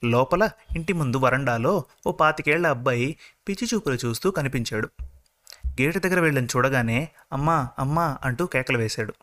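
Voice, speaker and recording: A man narrating a scripted story in a steady, measured way. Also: medium pitch.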